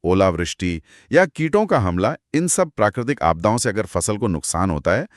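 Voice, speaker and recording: A man's voice: on the low side, very animated, moderate pace, no room sound, studio quality. A man co-hosting a scripted explainer chat, explaining details patiently. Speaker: co-host.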